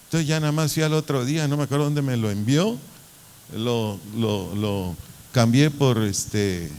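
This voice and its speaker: A man's voice: mid-range voice, a little mellow, a little hiss or hum. A man preaching a sermon as pastor, in a conversational way, asking his listeners questions and answering them himself.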